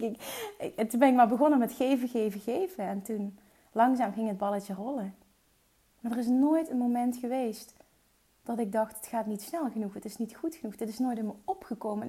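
Woman motivational coach, earnest and encouraging, warm mellow voice, English phrases in her speech. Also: a little high. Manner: earnest and coaching, drops into soft whispers. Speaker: entrepreneur and mindset coach. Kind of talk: motivational talk.

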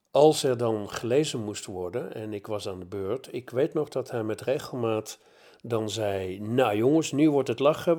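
A middle-aged man speaks slowly and thoughtfully, pausing often and filling gaps with hesitations. His voice sits on the low side as he tells a personal story in an unhurried, reflective way. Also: darkish tone. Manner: reflective, with many hesitations and fillers.

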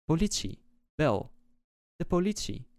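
A man voicing an eerie thing that mimics a mother's voice, repeating words like a parrot, pitched a bit higher. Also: sing-song, measured pace, darkish tone, dry recording, studio quality.

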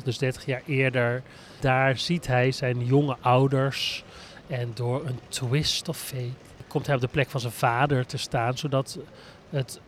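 A man's voice: medium pitch, slight background noise. A man co-hosting a casual chat, explaining at length with frequent hesitation fillers. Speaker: podcast co-host reviewing a musical.

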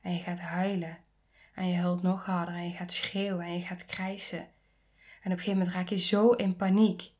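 A woman in her thirties hosting a podcast, speaking earnestly and intimately, often dropping into soft near-whispers and rising to emphatic pleas. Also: on the low side, little pitch movement, normal speed. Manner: rises to emphatic, pleading tones. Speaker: podcast host. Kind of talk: reflective podcast monologue.

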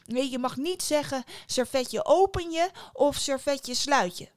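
A woman's voice: high-pitched, a little slow, no room sound, clean studio sound, voice pushed up. A woman voicing a dim-witted, cheerful boy who fumbles for his words in a storybook reading. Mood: earnest. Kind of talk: storybook voice acting.

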